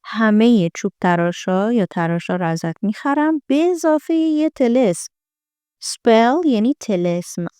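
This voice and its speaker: A woman teaching English from film lines, repeating each line slowly in an American accent and then explaining it. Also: fairly high pitch, animated, mellow, smooth, dry recording, studio quality.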